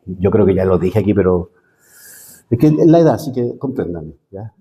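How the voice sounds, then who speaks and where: Middle-aged pastor giving a sermon, lively swoops up high, warm tone, reverby church hall. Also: male voice, normal speed. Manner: animated preaching with sudden high swoops and asides. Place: church sanctuary.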